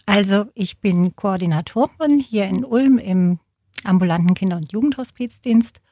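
A woman's voice: mid-range voice, lively intonation, moderate pace, mellow, no echo. A woman being interviewed in a studio, explaining things earnestly with plain everyday examples. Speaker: interview guest, hospice service coordinator. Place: radio studio.

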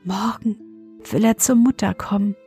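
A woman's voice: mid-range voice, steady tone, normal speed, warm tone, soft background music, lightly acted. A woman voicing a dreamy, blissful young woman in love in a storybook, whispering breathily.

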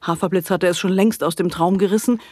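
A woman with a husky voice narrating a children's story and speaking to the children. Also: fairly low pitch, steady tone, fairly quick, a little mellow, dry recording, clean studio sound.

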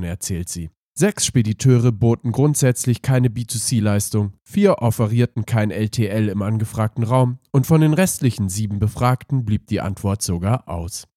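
Male podcast narrator, congested with a cold, mellow tone, scripted magazine report, very dry close sound. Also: lowish voice, no room sound. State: has a cold. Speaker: podcast host.

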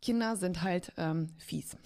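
A woman with a fairly low, darkish voice speaks slowly as a guest on a casual podcast. Originally from Poland and eastern Germany and co-founder of an agency, she is candid and chatty, laughing frequently and using plenty of fillers.

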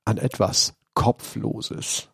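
A man reading as a calm, sly trickster. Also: on the low side, normal speed, husky, no room sound, clean studio sound. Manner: calm, sugary-sweet.

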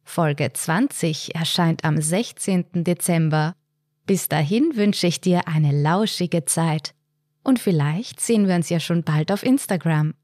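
A woman narrates a short story in a measured, clear read-aloud manner. Her voice sits on the lower side. The sound is close and completely dry. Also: darkish tone, no echo. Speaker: podcast host and author.

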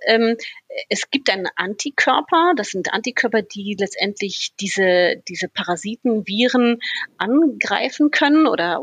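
Eine Frau, Umweltmedizinerin, die im Interview sachlich und mit vielen Füllwörtern medizinische Zusammenhänge erklärt. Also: female voice, medium pitch, slightly rough, no room sound. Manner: measured, explanatory, many filler sounds. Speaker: environmental physician. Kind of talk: explaining in an interview.

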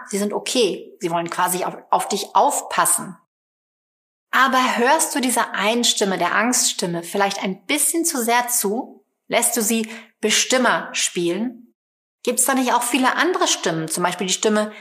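A woman's voice: mid-range voice, fairly bright tone. A woman hosting a solo podcast, coaching listeners directly and encouragingly, now and then acting out short quoted voices. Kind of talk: solo podcast advice talk.

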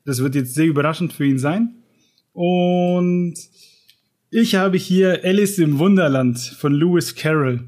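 A man's voice: on the high side, lively intonation, a little slow, darkish tone. Enthusiastic male podcast co-host. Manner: enthusiastic, colloquial, with fillers. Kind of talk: casual podcast chat and book reading.

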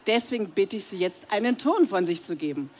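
Lively woman voice coach leading a workshop. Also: mid-range voice, fairly quick, slight background noise. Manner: lively, direct, demonstrates sounds and leads exercises. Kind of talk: live voice training workshop. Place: seminar room with audience.

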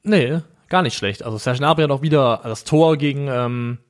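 Ein Mann, der als Co-Host in einem lockeren Podcast ruhig und sachlich Fußballspiele analysiert. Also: male voice, mid-range voice. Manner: measured, analytical. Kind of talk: casual football analysis.

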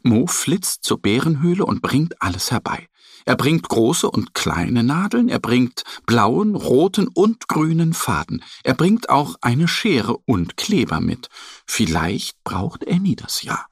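A man narrating a children's story in a very expressive, sing-song storytelling manner. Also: mid-range voice, slow, slightly rough, no room sound, clean studio sound.

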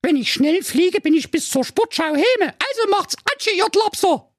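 A man's voice: very high voice, expressive, normal speed, no room sound, studio quality, voice pushed up. A man voicing a cheeky male parrot. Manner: cheeky, dialect slang.

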